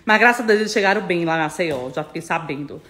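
A woman's voice: fairly low pitch, lively intonation, fast talker, a bit bright. A middle-aged woman, chatting affectionately to her followers in a casual phone vlog, repeating herself and laughing. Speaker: social media influencer.

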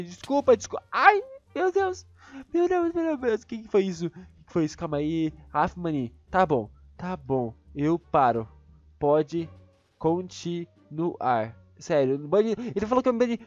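Brazilian man, high and excitable, for lively gameplay commentary with squealing outbursts; slightly lo-fi audio. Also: dry recording. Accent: Brazilian Portuguese. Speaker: gaming video creator.

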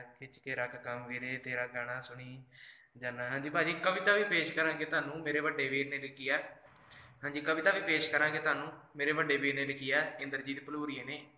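A man speaks into his phone on a casual live stream, greeting fans by name and thanking them. His voice is sharp and bright, and he keeps it level with little rise and fall. The room around him adds a clear echo. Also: mid-range voice. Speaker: social media singer doing a live fan chat. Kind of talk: live stream chat reading fan messages.

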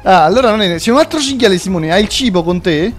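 A man's voice: high-pitched, animated, fast, faint music behind. A young man hosting a gameplay video, joking with a friend and breaking into theatrical yelps. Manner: jokey, theatrical, bursts into mock yelps. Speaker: gaming video host. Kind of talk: playful gameplay commentary with a friend.

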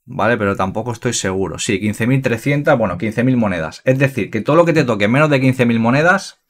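A man giving casual, excitable gameplay commentary, swearing freely and filling pauses with fillers. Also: mid-range voice. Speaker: gaming youtuber.

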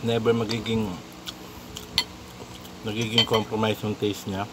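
A man talks while chewing, his words muffled by food as he relishes each bite. His voice sits a little low, and a noisy background of insects hums behind him. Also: measured pace. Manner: relaxed, savoring, mixes in English. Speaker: mukbang vlogger. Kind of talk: casual eating commentary.

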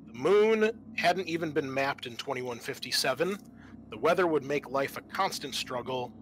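Over an online group call, a man game-masters a roleplaying podcast, shifting between casual chat and scene-setting narration. His mid-range voice sounds bright with a forceful tone.

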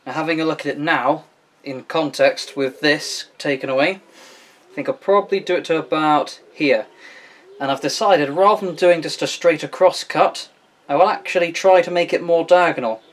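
A man with a slightly raised voice talks through a woodworking job in his home workshop. He explains each step in a relaxed, chatty way and pokes fun at himself as he goes. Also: on the high side, normal speed. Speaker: woodworking video host. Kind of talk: casual how-to demonstration.

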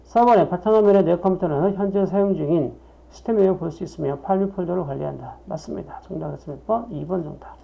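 A woman with a strongly gravelly, dark voice teaches through exam questions. She reads each item aloud, then poses a question and answers it herself. The recording sounds dull and lo-fi. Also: on the low side, fast. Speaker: exam prep lecturer.

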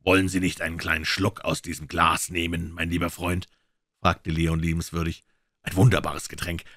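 A man's voice: deep voice, level tone, normal speed, fairly bright tone, no room sound, studio quality. A man voicing a suave, amiable and mocking male detective in a crime audiobook. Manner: smooth, amiable, ironic.

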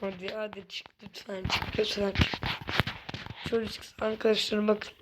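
A woman commenting casually on a game for her viewers, excitable and exasperated by turns. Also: mid-range voice, normal speed, heavy background noise. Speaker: gaming YouTuber.

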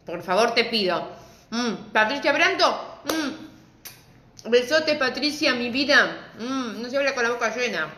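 A middle-aged woman with an Argentine accent, teaching a live-stream craft class and greeting viewers warmly and chattily. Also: on the high side, expressive, unhurried, slight background noise. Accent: Argentine Spanish. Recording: echoey room.

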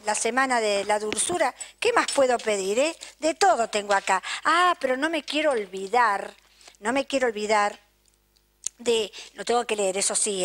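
Older argentine lady hosting local tv, high voice, gushing and chatty, always saying eh. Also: fairly bright tone. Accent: Argentine Spanish. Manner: chatty, effusive, keeps asking "¿eh?". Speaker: TV show host. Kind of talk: casual chat, thanking sponsors to camera. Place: local TV studio.

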